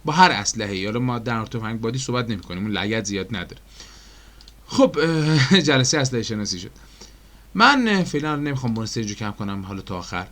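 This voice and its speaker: In a sing-song, slightly bright mid-range voice, a man with an Iranian Persian accent explains animation step by step on a screen recording. The tone is chatty, full of fillers and questions to viewers he addresses as dear friends.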